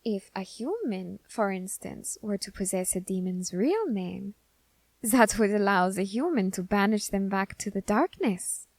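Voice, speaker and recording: Woman voicing Sascha, slow-talking curious Grim Reaper. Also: mid-range voice, expressive, no room sound. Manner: fascinated, deliberate, politely threatening. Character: Sascha, eager, curious, playfully menacing young Grim Reaper scholar. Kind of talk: ASMR roleplay addressed to the listener.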